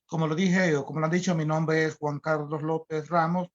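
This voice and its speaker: A man's voice: fairly high pitch, little pitch movement. Salvadoran man, raised voice, dull audio. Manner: measured, hesitant with fillers. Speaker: guest, environmental organizer. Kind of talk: online interview.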